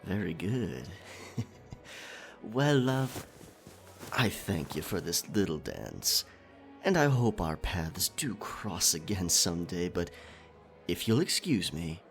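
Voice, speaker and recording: Man acting a slow-talking, roguish pirate captain. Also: low-pitched, big pitch swings, faint music behind, heavily acted. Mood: smug, coaxing. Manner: teasing, theatrical, drawn-out delivery with chuckles. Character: roguish, flirtatious, cocky male pirate captain. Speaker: voice actor. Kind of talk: romantic roleplay ASMR acting.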